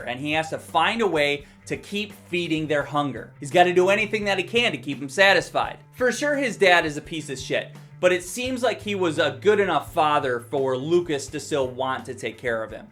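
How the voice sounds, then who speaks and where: A man's voice: fairly high pitch, a bit bright. A man giving a casual movie review for his vlog, wry and joking, with casual swearing.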